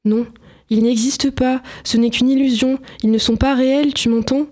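A woman's voice: sits high, steady tone, moderate pace, a little mellow, voice pushed up, close to an everyday voice. A woman reading as a worried young woman. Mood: pleading. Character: young woman, worried first-person narrator.

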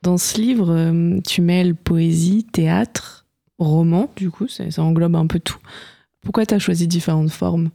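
A woman's voice: lowish voice, steady tone, measured pace, gravelly, warm tone, no echo, studio quality. A woman interviewer asking informal questions with some hesitation.

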